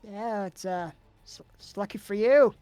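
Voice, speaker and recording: A woman's voice: medium pitch, unhurried, dark tone, no echo, faint music behind. A woman playing a tabletop game in casual, improvised role-play.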